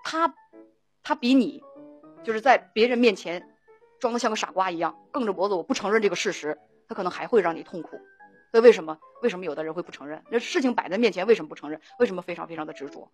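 A woman's voice: mid-range voice, animated, fast talker, soft background music. A middle-aged woman hosting an emotional talk show, telling stories and acting out both sides of each conversation with repeated words and laughs. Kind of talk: storytelling talk-show monologue.

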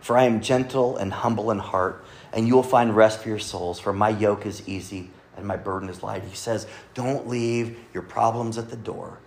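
A man preaching a Sunday sermon to a congregation, earnestly quoting scripture and often dropping to a soft, quiet delivery. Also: on the low side, fairly even intonation, normal speed. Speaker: pastor. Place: church service with congregation.

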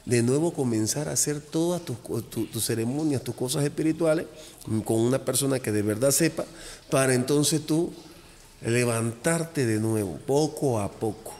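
A man, a voodoo priest, talking as a podcast guest, animated, acting out little dialogues and repeating phrases. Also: medium pitch, normal speed. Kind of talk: casual podcast talk. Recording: long echoey reverb.

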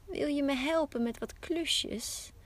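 A woman voicing a kind, welcoming old woman from a fairy tale, gentle and inviting. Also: high-pitched, slow pace, voice pushed up.

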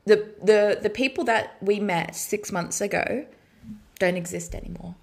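A woman's voice: mid-range voice, unhurried, vocal fry, a little mellow. A woman co-hosting a podcast, chatting casually with effusive, emphatic, slangy phrasing. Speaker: podcast co-host.

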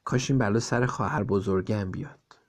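A man's voice: lowish voice, natural voice. A man voicing a playful, doubtful schoolboy while reading a storybook aloud. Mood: teasing.

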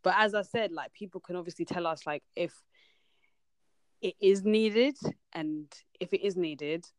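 A woman's voice: fairly low pitch, measured pace, no room sound. Young woman hosting, dry sound. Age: young adult. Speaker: podcast host. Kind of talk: casual podcast chat.

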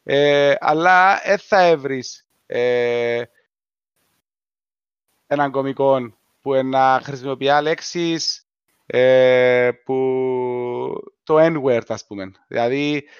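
A man with a Cypriot Greek accent, co-hosting a podcast in a measured, explanatory casual discussion. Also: medium pitch, smooth, dry recording, highs cut off. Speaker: podcast co-host.

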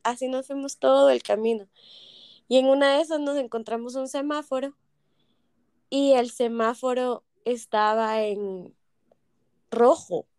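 Podcaster, higher voice, dry close mic, lively storyteller. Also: female voice, clean tone, no echo. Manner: animated, acts out quoted voices. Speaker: podcast co-host. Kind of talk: casual storytelling chat.

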